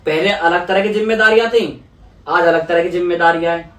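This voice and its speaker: Brief: young male politician, higher voice, earnest explainer, mic at a distance. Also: fairly quick, a bit bright. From India. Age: young adult. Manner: earnest, explanatory, repeats phrases for emphasis. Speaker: politician guest. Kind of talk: conversational interview. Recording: echoey room, voice away from mic.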